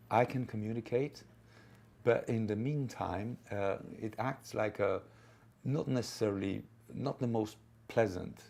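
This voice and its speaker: A fifty-year-old man answers interview questions slowly and reflectively. He pauses often on fillers, and his voice sits a little low. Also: gravelly, a little mellow. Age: 50s.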